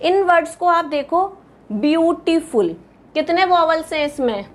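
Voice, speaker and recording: High-voiced Indian woman teaching grammar. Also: fairly bright tone, slight background noise. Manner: patient, repeats word lists slowly, addresses students as "beta". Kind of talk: classroom lecture explaining grammar.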